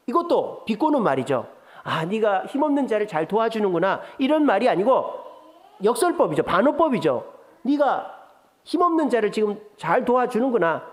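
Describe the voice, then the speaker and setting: A middle-aged man preaching a sermon with a high, bright-sounding voice. His pitch swings widely as he acts out sarcastic quotes and asks the listeners questions. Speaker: pastor.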